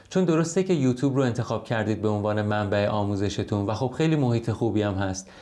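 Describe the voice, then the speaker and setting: A man's voice: medium pitch, a little mellow. A man teaching a recorded online language lesson, explaining each point patiently and step by step. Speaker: English teacher.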